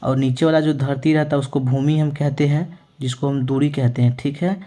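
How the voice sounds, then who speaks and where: A male maths teacher talks through a lesson in a warm, mellow voice at a middling pitch. He keeps asking the viewers questions and answering them himself, and he checks in with them after nearly every point. When he writes on the board, he slows down and spells out his words. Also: fairly even intonation. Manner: ends phrases with a reassuring check-in. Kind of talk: classroom-style lesson.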